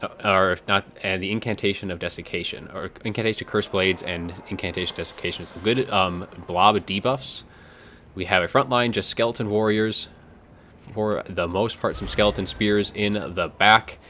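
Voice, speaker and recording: Low guy co-casting a game tourney, relaxed, faint noise behind. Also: normal speed. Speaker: esports co-caster. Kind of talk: tournament commentary.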